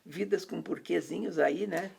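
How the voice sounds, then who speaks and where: Uma mulher brasileira numa conversa cristã descontraída, contando histórias bíblicas com muitos "né" e "sabe". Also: female voice, lowish voice, a little slow, creaky, a little mellow. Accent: Brazilian Portuguese. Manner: preachy storytelling, many fillers and tag questions. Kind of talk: casual faith chat.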